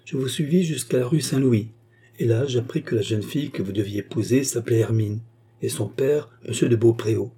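A remorseful courtesan pours out her confession in an impassioned, pleading voice, read by a man. The tone is very dark and mellow, with a husky grain. It comes across as a figure in an audiobook. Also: mid-range voice, fairly quick. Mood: confessing. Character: passionate remorseful woman courtesan.

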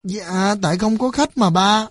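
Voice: medium pitch, steady tone, extremely slow, gravelly, a bit bright, no echo, pitched above the performer's own voice, full character voice. A narrator voicing a terrified little boy who stammers and cries out. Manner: stuttering, crying out.

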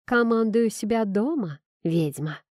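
A woman's voice: medium pitch, animated, unhurried, a little mellow, no echo, studio quality, lightly acted. A woman reading the lines of a mocking, provocative invisible river spirit in an audiobook. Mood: taunting. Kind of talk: audiobook character voice.

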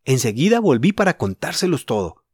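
A man's voice: mid-range voice, sing-song, fairly quick, breathy edge, no room sound, studio quality. A man voicing an eager teenage boy telling the others about a discovery, in a storybook reading. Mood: excited.

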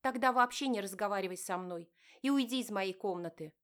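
A woman's voice: medium pitch, brisk, a bit bright, lightly acted. A proud, defiant young wife, as a woman narrator voices her. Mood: indignant. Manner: agitated, defiant.

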